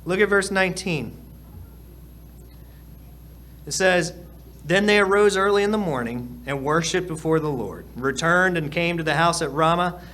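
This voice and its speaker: Male pastor, earnest sermon delivery, slightly high voice, repeats for emphasis. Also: moderate pace, long pauses, pushed and bright. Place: church hall.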